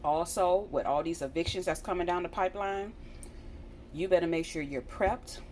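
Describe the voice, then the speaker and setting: Low-pitched American woman chatting, noisy background. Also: normal speed, darkish tone. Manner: earnest, repeats phrases for emphasis. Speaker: vlogger. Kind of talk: casual direct-to-viewer chat.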